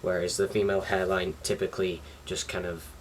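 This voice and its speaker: With a low-pitched, flat delivery at a slightly fast pace, a young man rambles casually to camera in vlog style, hesitating now and then. The recording comes from a distant mic and carries faint background noise.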